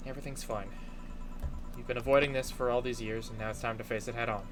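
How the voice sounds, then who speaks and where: A man's voice: mid-range voice, fairly even intonation, fast, over music, natural voice. A man voicing an anxious, irritable young woman bartender in a game, with a stammering, dramatic delivery. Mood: nervous. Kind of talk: hobby video game voice-over.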